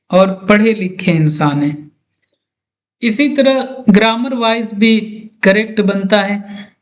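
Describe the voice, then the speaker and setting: A man teaching an English grammar lesson, patiently talking through examples step by step. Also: high voice.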